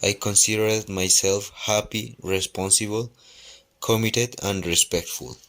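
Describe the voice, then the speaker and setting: A man's voice: on the low side, steady tone, unhurried, fairly bright tone. A twenty-year-old man with a Colombian Spanish accent reads a short self-introduction aloud in English, carefully, in short phrases. Spanish is his first language.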